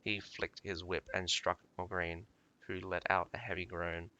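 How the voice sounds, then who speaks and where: A man reading a game's lore aloud, breaking off often to comment in a halting, casual way with many fillers. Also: low voice, level tone, sharp tone, highs cut off. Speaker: lore reader and streamer.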